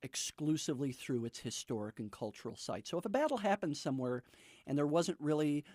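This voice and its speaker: A man's voice: a little high, expressive, a little fast, darkish tone, no room sound, clean studio sound. An American man speaking as an author guest in a radio interview, explaining things in an emphatic, storytelling way.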